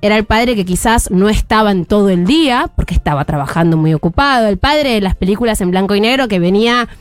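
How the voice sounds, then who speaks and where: A woman's voice: medium pitch, expressive, fast talker, smooth, no room sound. An Argentine woman, around her thirties, giving a chatty parenting column on radio with plenty of restarts and fillers. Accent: Argentine Spanish.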